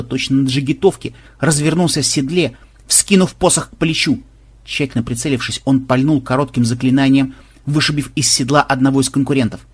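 A man narrating an adventure story in a lively storytelling manner. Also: mid-range voice, husky. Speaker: audiobook narrator. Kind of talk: scripted narration.

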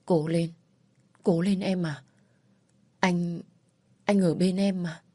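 A woman voicing a gentle young boyfriend who speaks softly and reassuringly, in a storybook reading. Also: fairly low pitch, fairly even intonation, slow pace. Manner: soft, reassuring.

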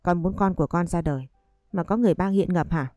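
A man's voice: high-pitched, fast talker, dark tone, no room sound, dull audio, soft background music, natural voice. A woman voicing a stern scolding father in a storybook. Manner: scolding, commanding. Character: angry stern middle-aged father.

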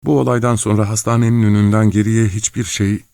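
A man voicing a young hospital nurse who turns from shrill alarm to curt, cool firmness. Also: fairly quick, vocal fry. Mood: cold. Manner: shrill when scared, curt when calm. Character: young woman nurse, flustered then cold.

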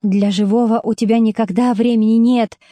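A woman reading an audiobook, voicing a distraught middle-aged woman who pleads with her brother through tears, in a raised, slightly higher voice. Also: steady tone, moderate pace, warm tone, no room sound, close to an everyday voice. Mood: desperate. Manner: tearful, pleading, rising to outbursts. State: crying.

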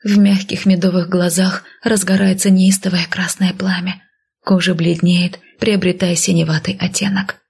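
A woman narrating a story in a soft, breathy whisper, as whispered role-play. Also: fairly low pitch, flat delivery, moderate pace.

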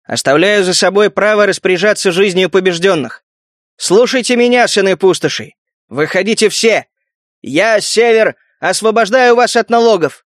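A man's voice: high-pitched, normal speed, no room sound, clean studio sound, natural voice. A man voicing a tough young male leader who barks commands. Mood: commanding. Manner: commanding, barking orders.

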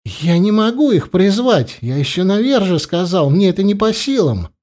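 A man's voice: high-pitched, big pitch swings, moderate pace, voice pushed up. A man playing a scared but defiant teenage boy who pleads and cries out in fear. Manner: anxious, pleading, shouting in fear.

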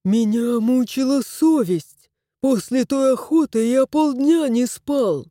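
A sulky, easily offended male house cat in a storybook, grumbling about his lot, as a woman puts him on. His voice sits low and mellow, with unhurried, drawn-out lines. The recording is dry and close. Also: dry recording.

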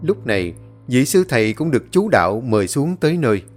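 A man reading a ghost story aloud in a steady, measured way. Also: medium pitch, faint music behind. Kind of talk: scripted ghost story narration.

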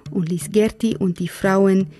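A woman's voice: mid-range voice, fairly even intonation, measured pace, warm tone, lightly acted. An actress playing a wry young Hungarian woman who narrates her life in a radio drama in clipped inner monologue. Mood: wry, restrained. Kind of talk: scripted first-person radio drama narration.

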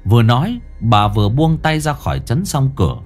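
A man's voice: mid-range voice, big pitch swings, normal speed, soft background music. A man narrating a ghost story with dramatic, swinging delivery.

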